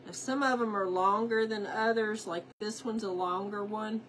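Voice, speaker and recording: In a low-quality recording with a bit of hiss or hum, a woman hosts a casual craft livestream while congested from a cold. Her medium-pitched voice stays fairly even at a moderate pace as she chats, greets viewers by name, and talks to herself mid-project.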